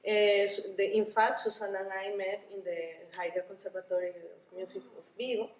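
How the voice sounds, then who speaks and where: A woman from Rica, a Spanish speaker, answering interview questions in a halting way with many restarts and small laughs. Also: mid-range voice, little pitch movement, a little hiss or hum. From Costa Rica. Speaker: violinist and ethnomusicology researcher. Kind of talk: conference interview. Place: busy conference venue. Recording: roomy, distant, with busy crowd murmur.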